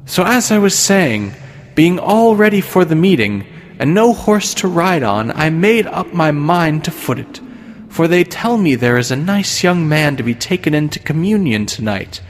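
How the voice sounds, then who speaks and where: A woman's voice: low voice, sing-song, normal speed, slight background noise, pitched above the performer's own voice. A man voicing a pious old woman who is secretly a witch, chattering in quaint old-fashioned speech. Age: older. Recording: long reverb.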